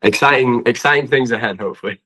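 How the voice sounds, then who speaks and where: Speaking fast at medium pitch with a fairly bright tone, a young British musician chats warmly and loosely as an interview guest on a podcast. The recording is rough, and his hesitant sentences lean heavily on "like."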